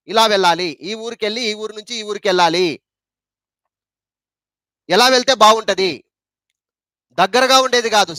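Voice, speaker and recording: A man's voice: very high-pitched, bright, forceful tone, no echo. A man with a Telugu accent teaching an English grammar lesson, repeating points and asking rhetorical questions.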